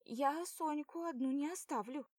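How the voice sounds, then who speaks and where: A woman's voice: sits high, unhurried, a little mellow, no room sound, pitched above the performer's own voice. A woman voicing an anxious young woman with a pleading, whimpering manner.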